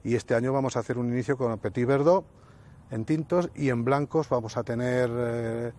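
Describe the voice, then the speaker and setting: Mid-pitched man listing grape varieties plainly. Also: normal speed, a little mellow. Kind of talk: interview.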